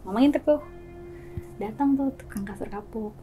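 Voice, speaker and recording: With soft music playing in the background, a woman guest shares her own story at a moderate pace, her voice fairly high. She keeps things lively, performing each scene with gestures and quoted lines of dialogue.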